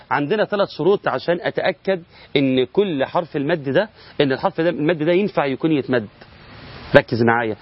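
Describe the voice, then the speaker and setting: The voice is mid-range on a dry, dull-sounding recording. It belongs to a middle-aged man with an Egyptian Arabic accent who teaches the rules of Quran recitation step by step, asks and answers his own questions, and draws out sample words.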